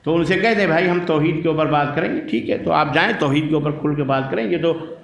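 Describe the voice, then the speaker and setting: Man, Islamic scholar, religious Q&A, blunt and emphatic, higher voice, roomy echo. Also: fairly quick, vocal fry. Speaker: Islamic scholar answering questions. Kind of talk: religious Q&A talk. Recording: echoey room.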